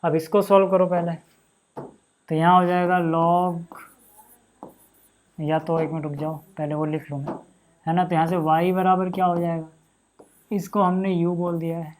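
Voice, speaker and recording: A man teaching a maths lesson, talking casually to students and repeating each step slowly as he writes. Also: a little high, darkish tone, slight background noise. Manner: casual, addresses students as bhai and yaar, repeats steps slowly while writing.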